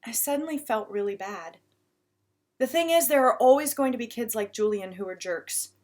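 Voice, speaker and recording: A woman's voice: on the high side, expressive, moderate pace, a little mellow. Woman reading a casual first-person story. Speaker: audiobook reader.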